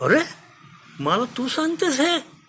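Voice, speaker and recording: A man's voice: medium pitch, animated, moderate pace, bright, forceful tone, slight background noise. A man storyteller voicing an angry, proud old king who takes offence easily and raises his voice indignantly.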